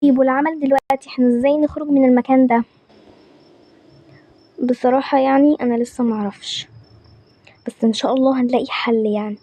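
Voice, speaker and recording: A woman with an Egyptian accent telling a story in lively, conversational character voices. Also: high-pitched, fast talker, pauses often, no echo. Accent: Egyptian Arabic.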